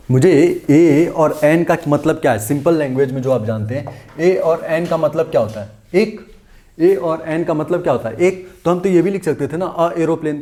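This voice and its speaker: A man's voice: on the high side, warm tone. A male teacher giving an exam-prep English grammar lesson, repeating points and asking and answering his own questions. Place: classroom-style video lesson.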